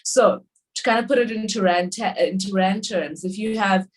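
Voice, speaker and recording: A woman's voice: mid-range voice, moderate pace, rough recording. Chatty South African woman in her thirties. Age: 30s. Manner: talkative, explanatory, frequent restarts and fillers. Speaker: bank panelist. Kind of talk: webinar panel discussion.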